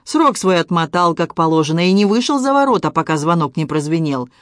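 A man reading an audiobook, voicing a calm, mocking male ex-convict who drawls in criminal slang. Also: on the high side, fairly quick, no echo, studio quality.

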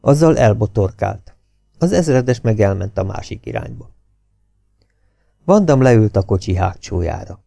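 Low, gravelly male audiobook narrator. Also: long pauses, no echo. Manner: steady, expressive reading. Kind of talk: scripted novel narration.

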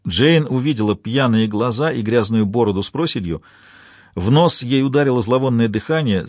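A man reads a crime novel aloud in even, measured narration. His voice is husky at a middle pitch. The recording is dry and close, with no room sound. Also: no room sound. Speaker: audiobook narrator. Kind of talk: scripted narration.

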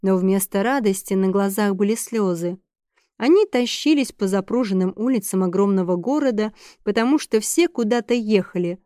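A woman reading a romance novel aloud as a steady, even narrator. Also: mid-range voice, normal speed, dry recording, clean studio sound. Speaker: audiobook narrator. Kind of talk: scripted narration.

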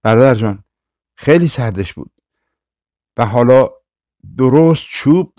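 A man's voice: medium pitch, animated, a little mellow, no room sound, clean studio sound, close to an everyday voice. A man reading an audiobook voices a meek, kind young brother who speaks hesitantly and fearfully. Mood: frightened.

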